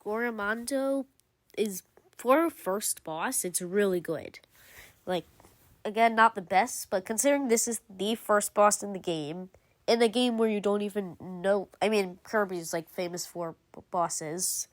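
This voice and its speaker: A video creator ranks game cutscenes in casual voice-over commentary, rambling with lots of "like" and frequent self-corrections. Her voice is mid-range and a little slow. There's no echo in the recording.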